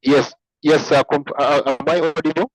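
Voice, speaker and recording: A male student on a video call asking a question in an online class, his audio breaking up as he speaks haltingly. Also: a little high, fairly even intonation, dry recording, rough recording. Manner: hesitant, halting.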